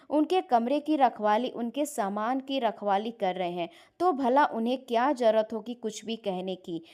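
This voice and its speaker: A woman's voice: on the high side, darkish tone. A woman voicing an upset young married daughter who tearfully accuses her brother.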